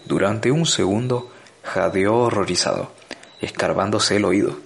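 A male audiobook narrator telling the story in a measured, dry way. His voice sits low. A gravelly fry runs under it. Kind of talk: scripted narration.

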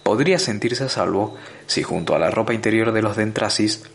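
A male audiobook narrator telling the story in a measured, dry way. His voice sits low. A gravelly fry runs under it. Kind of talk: scripted narration.

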